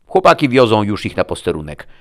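A man's voice: fairly low pitch, very animated, fairly quick, a bit bright, voice pushed up. A man playing a big eager deputy.

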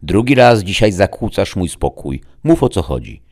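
A man voicing a cold, imperious male alien lord in an audiobook, with a slow drawl. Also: a bass voice, fairly even intonation, darkish tone. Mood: menacing. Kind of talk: audiobook character voice.

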